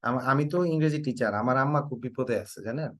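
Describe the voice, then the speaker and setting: A man's voice: medium pitch, fast talker, fairly bright tone, dry recording, studio quality. Bangladeshi man teaching English grammar. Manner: quizzing students, repeats prompts to type answers; joking mock threats. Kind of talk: online class lecture.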